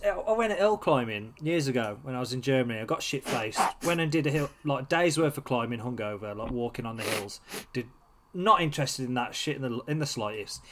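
A man's voice: medium pitch, fairly bright tone. A young man in casual chat, ranting with lots of swearing and laughter. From Britain.

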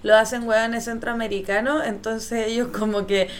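A woman's voice: fairly high pitch, normal speed, a little hiss or hum. A woman with a Chilean accent telling stories in a casual chat, full of slang and laughter. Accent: Chilean Spanish. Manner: laughing, animated storytelling with slang. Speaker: podcast co-host.

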